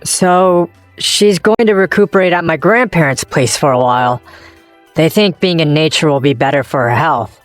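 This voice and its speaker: With a low voice at normal speed and only light acting, a woman voices a young male office worker, an ex-boyfriend, in a manga dub. He is introspective and wryly self-deprecating, narrating and talking in character in a subdued mood, while faint music plays.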